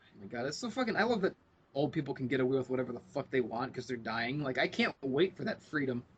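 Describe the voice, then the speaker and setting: A man's voice: medium pitch, animated, fast, breathy edge, highs cut off. A young man co-hosting a podcast, chatting casually and ranting with a lot of profanity. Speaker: podcast co-host. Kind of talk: casual chat.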